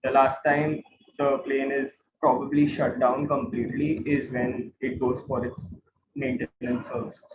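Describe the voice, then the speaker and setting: This is a man with an Indian accent acting as instructor and guide, lecturing students informally and repeating phrases for emphasis. He speaks a little slowly in a mid-range voice with little pitch variation. The phone-like online class audio is roomy and tinny, with background noise.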